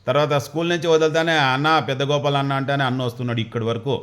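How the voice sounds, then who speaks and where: A man's voice: medium pitch, steady tone, racing, a bit bright, close to an everyday voice. A man voicing a frightened young village schoolboy who pleads and sulks as he tells a devotional story. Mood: cheerful.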